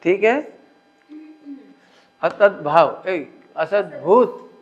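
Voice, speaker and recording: A man's voice: high-pitched, lively intonation, very slow. A man teaching a spiritual discourse in a conversational way, often asking his listeners questions. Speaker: religious teacher. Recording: muffled lo-fi recording.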